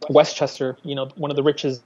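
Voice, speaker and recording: This is a man in his thirties, an artist from Miami, Florida, appearing as a guest in a conversational interview. His mid-range voice is level in tone, fast, and a little mellow, with the highs cut off. He speaks candidly and often restarts his sentences.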